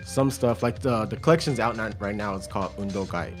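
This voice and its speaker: On a radio show, a young male guest talks casually about his clothing brand, laid-back and rambling with lots of fillers and restarts. His voice is lowish and a little fast, heard over music in the studio.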